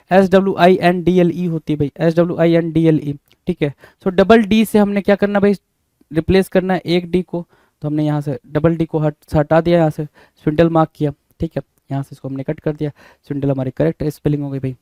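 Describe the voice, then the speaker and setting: Here's a man whose voice sits on the high side with a dark tone, recorded dry. Teaching English spelling in Hindi, he breaks words into individual letters and repeatedly asks what the answer is, often with a "bhai" thrown in.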